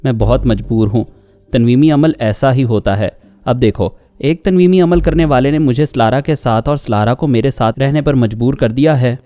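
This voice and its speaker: A man's voice: mid-range voice, normal speed, mellow, no room sound, soft background music, close to an everyday voice. A man voicing a torn young man who speaks in a coaxing, placating way.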